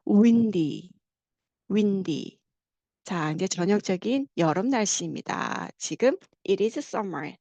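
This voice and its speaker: A woman with a medium-pitched voice teaches an online English lesson, patiently explaining, asking frequent checking questions, and slowly drawing out each phrase for the class to repeat. She's close-miked with the class muted, and the recording is dry and muffled.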